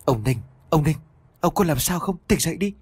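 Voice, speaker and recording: A male storyteller voicing a frightened but stubborn middle-aged woman who talks fast and snaps back. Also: mid-range voice, big pitch swings, husky, no room sound, pitched above the performer's own voice. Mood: panicked. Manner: panicky, fast and defiant.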